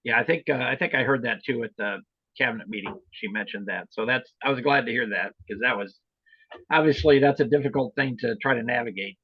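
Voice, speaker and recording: A man with a brisk, mid-range, slightly rough voice leads an informal online video meeting, training volunteer club officers. His explanations come out hesitant and rambling. The audio is roomy and muffled, typical of an online call.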